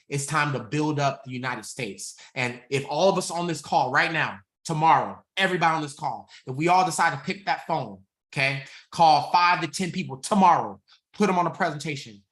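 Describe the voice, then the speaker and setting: A man giving an energetic motivational talk on a group call, rallying his listeners with a punchy, preachy delivery. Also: fairly high pitch. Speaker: mentor speaker.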